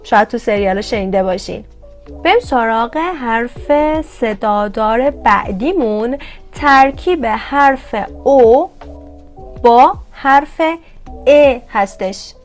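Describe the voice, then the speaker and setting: A woman teaching Korean vowels in an online lesson, patiently repeating each sound slowly and addressing her viewers as kids. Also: fairly high pitch, lively intonation, faint music behind.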